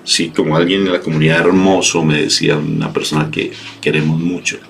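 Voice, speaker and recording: Very deep-voiced earnest male preacher. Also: level tone, fairly quick, creaky, faint music behind. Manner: earnest, fervent, acts out pleas in a higher voice. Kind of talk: spoken reflection and sermon. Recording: faint background noise.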